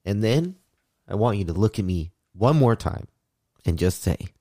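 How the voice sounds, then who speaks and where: A man's voice: fairly low pitch, sing-song, moderate pace, warm tone, no echo, clean studio sound. A man co-hosting a podcast, giving an earnest, heartfelt monologue in a candid, casual way with some swearing. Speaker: podcast co-host.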